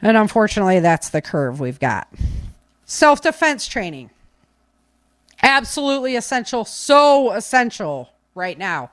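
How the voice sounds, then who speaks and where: Recorded dry and at studio quality, this mid-range female voice has a sing-song lilt and a slightly slow pace. As a preparedness and self-defense podcaster, she gives firm advice in a casual, opinionated way, circling back to key phrases for stress.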